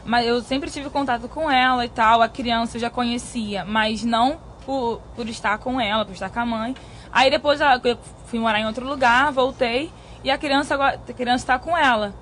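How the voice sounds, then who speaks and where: A woman's voice: on the high side, moderate pace, a bit bright, a little hiss or hum. A woman talking casually and plainly as she describes a neighbor's adoption situation to the hosts. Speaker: caller or guest asking advice. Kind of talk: casual explanation.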